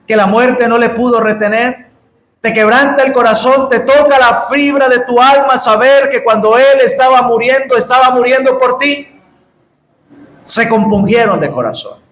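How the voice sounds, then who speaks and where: A man preaching a sermon to a congregation in an earnest, pleading way, slowing down and rising to emphatic calls. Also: extremely high pitch, fairly bright tone. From Colombia. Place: church hall. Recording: echoey church room.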